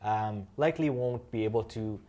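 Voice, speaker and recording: Measured, low-voiced man from Kenya. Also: dark tone. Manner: measured, explanatory, frequent "um" fillers. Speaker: interview guest, social finance founder. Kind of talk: conversational interview answers.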